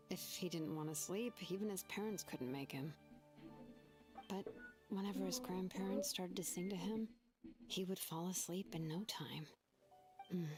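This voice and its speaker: A woman voicing a calm, gentle young female ally in a video game, explaining things evenly. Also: lowish voice, close to an everyday voice. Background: game music.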